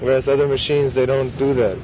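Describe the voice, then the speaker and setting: A man's voice: medium pitch, little pitch movement, a little fast. A man from the West speaking as a student in a casual discussion. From Western country. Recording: muffled outdoor recording, faint vehicle noise.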